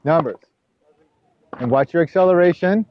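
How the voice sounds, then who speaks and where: A man's voice: normal speed, a little hiss or hum. A man coaching a teenage player through drills, talking in rambling bursts with many restarts and rising sharply when he scolds. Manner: rises loud and high when scolding. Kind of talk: sports coaching session. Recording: dull lo-fi camera audio.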